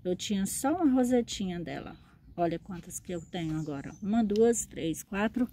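A woman's voice: medium pitch, animated, normal speed, mellow, a little hiss or hum. A woman, a succulent grower and seller, chatting fondly in a show-and-tell vlog and often checking in with her viewers.

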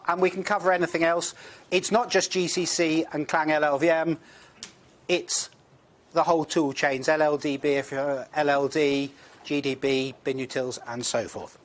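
Higher-voiced man moderating a conference panel. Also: fairly bright tone. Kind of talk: conference panel introduction to an audience. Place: university lecture room, speaking before an audience.

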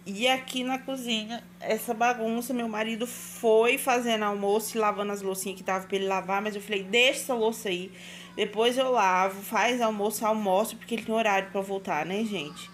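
A woman's voice: medium pitch, steady tone, fairly quick, a little hiss or hum. A young Brazilian woman, a mother, chatting to her viewers in a casual home vlog. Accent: Brazilian Portuguese. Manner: chatty, keeps addressing viewers. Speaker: vlogger and mother.

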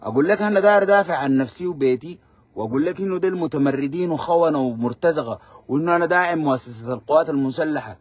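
A man's voice: on the high side, animated, very fast, no echo. A man with a Sudanese Arabic accent giving combative, fiery political commentary on a live stream.

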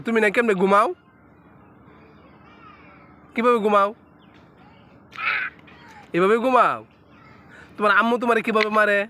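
A woman's voice: medium pitch, pushed and bright. A woman playfully coaxing a small child, asking him question after question in casual talk. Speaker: parent filming her toddler.

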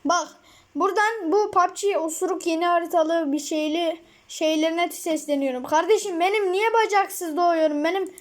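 A woman giving casual gameplay commentary, excitable and rambling, with frequent outbursts. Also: very high voice, normal speed. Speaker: mobile gamer.

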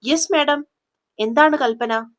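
Woman narrator doing a scared, flattering male inspector; slightly high pitch, storybook read. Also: slow pace. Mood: fawning. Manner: fawning, then stammering. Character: nervous fawning male police inspector.

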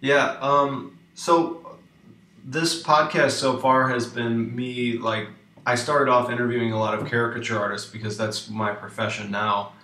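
A man's voice: mid-range voice, a little slow. Guy hosting a podcast, laid back and chatty, middle voice, kinda far from the mic in a roomy space. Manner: relaxed and chatty, many likes. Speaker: podcast host. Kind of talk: casual interview chat.

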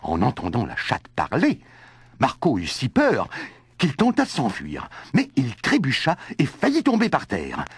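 Gravelly, animated male storyteller. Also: mid-range voice, unhurried, dry recording. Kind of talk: scripted storybook narration.

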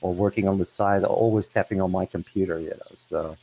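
A man's voice: deep voice, fairly even intonation, fairly quick, warm tone, slight background noise, rough recording. Hesitant Belgian-born man in his forties. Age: 40s. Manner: hesitant, many restarts and fillers. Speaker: guest. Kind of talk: casual interview chat.

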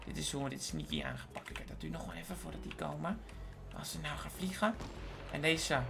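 A woman giving excitable gameplay commentary as a gaming video host. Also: low-pitched, fairly quick, vocal fry. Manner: excitable, shrieks and squeals at sudden moments, hushed when sneaking. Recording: game music behind the voice. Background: background music.

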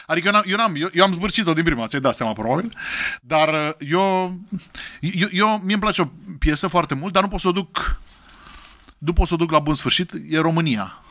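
A Romanian man hosting a casual chat, talking quickly and excitably and repeating words as he goes. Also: a little high, no room sound. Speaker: host.

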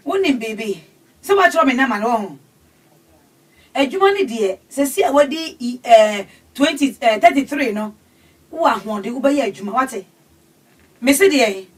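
A middle-aged woman with a Ghanaian accent hosting a call-in advice show in a small radio studio, animated and gesturing as she talks. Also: fairly high pitch, moderate pace, long pauses, husky. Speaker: radio host and counselor. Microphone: studio mic, camera across the room. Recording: distant camera audio in studio.

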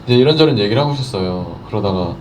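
A man's voice: on the low side, animated, very fast, far from the mic, a little hiss or hum. A man actor telling a story at a film Q&A, acting out the lines he quotes. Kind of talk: animated storytelling at a Q&A.

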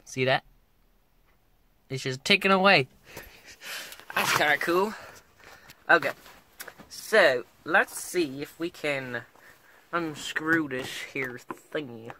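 A man's voice: on the high side, takes it slowly, long pauses, bright, forceful tone, slight background noise. A man filming himself pulling speakers out of an old pickup, talking in a joking put-on twangy drawl and muttering while he works inside the cab. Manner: mutters and grunts while working with his hands. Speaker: car-repair vlogger. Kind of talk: casual hands-on tutorial chat. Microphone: handheld camera held close while working.

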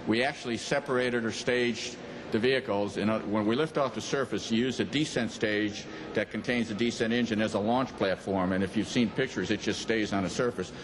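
A man's voice: fairly low pitch, a little fast. An older man telling a past mission story in an interview, casual and wry, with some fillers. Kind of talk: recalled account in interview. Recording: clear background noise.

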